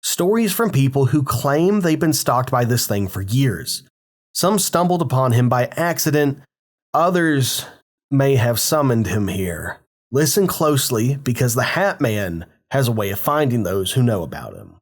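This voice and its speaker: A man with a sick voice, hosting a paranormal channel and narrating eerie stories in a dramatic, hushed way. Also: medium pitch, sing-song, a little slow. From Appalachian foothills, US. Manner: dramatic, hushed storytelling with casual asides. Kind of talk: spooky storytelling narration.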